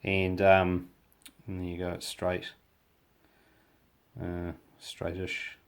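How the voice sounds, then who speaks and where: Demonstrating a hobby project, a man with a New Zealand accent talks in a monotone, his voice extremely deep and gravelly with lots of creak. His speech is relaxed and hesitant as he finds his phrasing mid-task.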